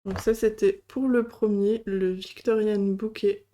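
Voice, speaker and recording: A woman's voice: mid-range voice, fairly even intonation, a little slow, dark tone. A woman hosting a casual product demo, speaking hesitantly with many fillers as she shows items one by one. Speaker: craft channel host.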